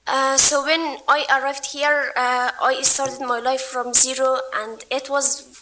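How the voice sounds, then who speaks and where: A woman from Afghanistan giving a halting public comment at a city council meeting. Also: high voice, little pitch movement, noisy background. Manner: halting, many fillers.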